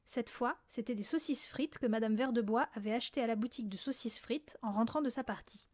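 A woman narrating an audiobook in a measured way. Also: fairly high pitch, darkish tone, no room sound. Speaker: audiobook reader.

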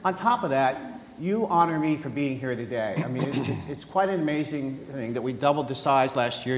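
A man speaking on stage at a conference as interviewer, telling jokes and loose stories. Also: medium pitch. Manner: joking, anecdotal, loose. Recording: echoey hall, noisy.

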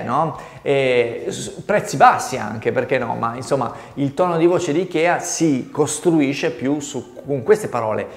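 A man talks the viewer through a lesson in a relaxed, conversational way, often asking rhetorical questions. His voice sits at an ordinary pitch. The recording is roomy, with a long reverb tail behind every phrase. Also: creaky. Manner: conversational, addresses the viewer directly with frequent rhetorical "no?". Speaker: marketing communication teacher. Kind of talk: explanatory video lesson.

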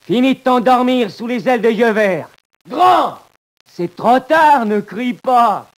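A jealous, violent young convict in an old radio drama. His voice sits high and leaps widely in pitch, and he speaks with constant intensity. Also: expressive, moderate pace, breathy edge. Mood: menacing. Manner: intense, moves from gloating to desperate pleading. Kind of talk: 1940s radio drama acting.

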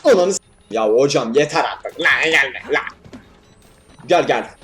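A man's voice: medium pitch, expressive, a little slow, a bit bright, faint music behind. A young man commentating a horror game as he plays, swearing and yelping at scares, then laughing them off. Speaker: gaming YouTuber.

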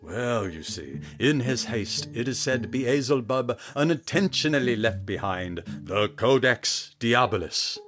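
A man's voice: medium pitch, lively intonation, measured pace, hardly any pauses, music in the background, close to an everyday voice. A man playing a rambling, doddering old British storyteller who narrates theatrically in a comic audio drama. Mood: flustered, amused. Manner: theatrical, digressive.

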